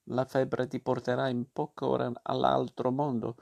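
A patient fairy with a mother's calm speaks gently but firmly, as a man reading a storybook voices her. The voice stays low and gravelly, close to the reader's own. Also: a little slow.

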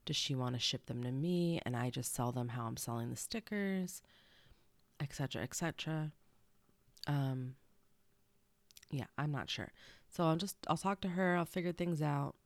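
A woman's voice: deep voice, normal speed, pauses often, no echo. A young woman hosting a casual podcast, chatty and rambling with side stories, her nose stuffy. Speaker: podcast host. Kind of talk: casual solo podcast chat.

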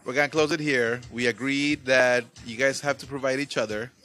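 A man's voice: medium pitch, fairly even intonation, a little fast, bright, forceful tone. A man of Mexican background hosting a podcast, chatting casually, laughing and joking and often repeating himself. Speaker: podcast host. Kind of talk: casual chat.

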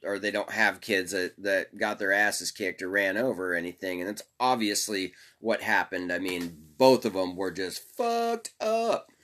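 A man's voice: low-pitched, lively intonation, moderate pace, hardly any pauses, fairly bright tone. A man hosting a podcast, telling stories in a rambling, profane, casual way and laughing often. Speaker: podcast host. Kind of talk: casual storytelling monologue.

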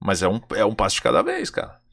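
A Brazilian man chatting casually as a host, telling animated stories full of slang and acting out what people said. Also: fairly low pitch, fast talker, creaky. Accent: Brazilian Portuguese. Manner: animated storyteller, slangy, acts out dialogue. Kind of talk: casual chat.

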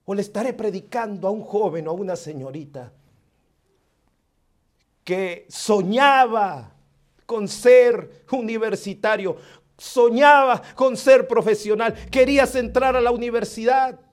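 High-voiced, slow preaching man. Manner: swings from hushed murmur to loud declaiming; drawn-out, emphatic phrasing. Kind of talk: emotional sermon.

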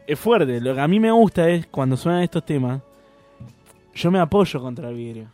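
A man with a Rioplatense Spanish accent co-hosting a radio show, telling stories in animated street slang. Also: fairly high pitch, moderate pace, dry recording, soft background music. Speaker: radio co-host. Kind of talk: casual radio banter.

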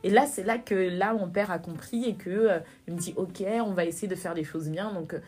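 A young woman with a low, husky voice speaks a bit quickly in an honest personal interview. She is earnest, becomes animated as she recounts her experiences, and emphasizes points by repeating words.

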